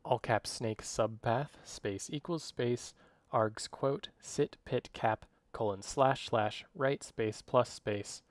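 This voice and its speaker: A man dictating code by voice, speaking clipped strings of isolated command words as a software demonstration. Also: mid-range voice, slow, dry recording.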